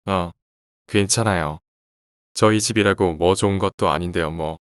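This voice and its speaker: A man voicing a frightened young woman in a horror story, speaking in a hurried, anxious way. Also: deep voice, smooth, dry recording, clean studio sound, lightly acted.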